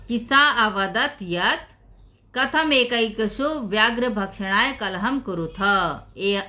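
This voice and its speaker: A woman explains a Sanskrit lesson in Hindi, going over each rule patiently and repeating her examples. Her voice sits a little high and sounds bright and sharp. She takes her time, speaking at a slow, deliberate pace. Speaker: Sanskrit teacher.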